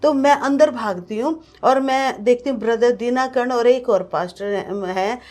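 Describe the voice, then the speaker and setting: A woman's voice: on the high side, moderate pace, a little mellow. A woman giving an earnest personal testimony to a pastor, telling her story vividly and mixing in English words. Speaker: guest sharing a testimony.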